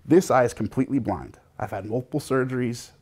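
Male interviewee, middle pitch, earnest conversational speech, emotional. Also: fairly quick, darkish tone, slightly rough. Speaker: festival founder.

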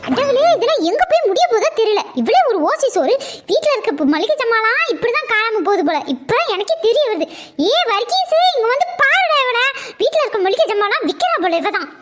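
A woman's voice: very high-pitched, big pitch swings, brisk, slight background noise. A woman playing a bossy, scolding middle-aged mother-in-law in a comic skit. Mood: indignant. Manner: sharp, nagging, shouting complaints.

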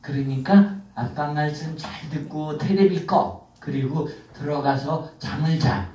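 Woman doing earnest little child puppet, lowish voice, roomy, far from the mic. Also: a little slow, warm tone, lo-fi sound. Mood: pleading. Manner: pleading, earnest, asks the audience questions. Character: young child puppet torn between good and bad. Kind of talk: live children's puppet show. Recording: roomy sound from a far camera.

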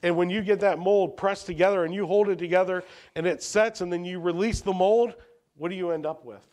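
A man preaching a sermon as a pastor, posing rhetorical questions and swinging between emphatic lines and hushed ones. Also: sits high, steady tone, fairly quick.

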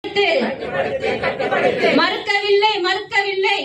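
A woman leading a protest through a megaphone, chanting each slogan twice in a steady rhythm. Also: very high voice, takes it slowly. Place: outdoor street protest. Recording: echoey, distant, loud crowd around.

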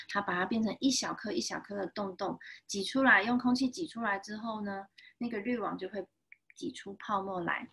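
A woman in her thirties with a Taiwanese Mandarin accent, reading a picture book aloud to a child with lively sound effects and voices. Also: medium pitch, slightly rough. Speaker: storyteller reading picture books live.

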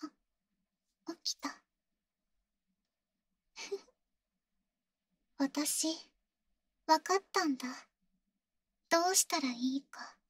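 A clingy, insecure young girlfriend in an ASMR role-play audio drama, sweet yet eerily obsessive. Her voice is extremely high and girlish, with slow, halting, pleading delivery. It sounds close and dry. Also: dry recording. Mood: eerie, sweet.

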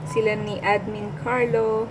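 A woman's voice: mid-range voice, flat delivery, normal speed, background noise. A middle-aged woman with a Filipino accent, chatting casually while she eats on camera, laughing often. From Philippines. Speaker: food vlogger. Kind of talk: casual mukbang chat, mixing Tagalog and English. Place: small indoor workplace room. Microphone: built-in mic of a front camera at arm's length.

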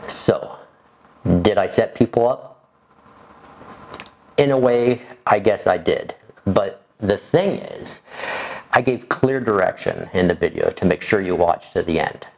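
A man in his forties speaking in a measured, explanatory way to camera, as a video creator, in a room indoors. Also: fairly low pitch, gravelly. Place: small furnished room indoors.

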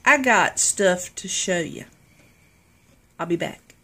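Lady vlogging on her phone, drawls slow, laughs a lot, says y'all. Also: fairly low pitch, bright, forceful tone, husky. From southern United States. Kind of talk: casual chat to camera. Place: in a car, then at home indoors. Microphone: phone camera at arm's length.

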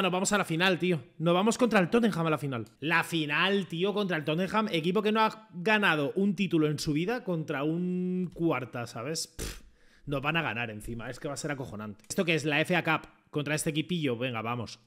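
A young man from Spain, commentating his own football game run with excited swearing and rants. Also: high-pitched. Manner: excitable, swears a lot, talks to the referee and coach. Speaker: gaming streamer. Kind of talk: live gameplay commentary.

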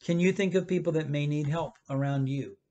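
A man in his fifties, a pastor giving a children's church lesson, explaining gently and rephrasing as he goes while gesturing, recorded on a webcam in a church library. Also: a little high, a little fast, lo-fi sound.

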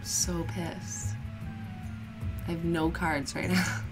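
A woman's voice: fairly low pitch, level tone, slow pace, loud music behind the voice. A woman streaming a game, reacting to play with profane, mock-outraged trash talk. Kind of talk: live gameplay commentary.

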